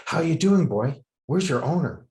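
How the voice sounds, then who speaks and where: A man doing an excitable, nosy journalist. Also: normal speed, natural voice. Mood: playful. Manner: excitable, questioning, higher and louder than his narration. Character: curious, talkative male journalist, skeptical. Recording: roomy reverberant venue.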